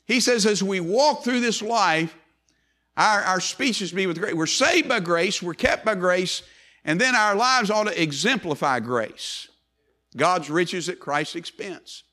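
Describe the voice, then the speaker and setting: An older man preaching a sermon in church, repeating key phrases and slowing down hard on words he wants to stress. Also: sits high, expressive, sharp tone. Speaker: pastor.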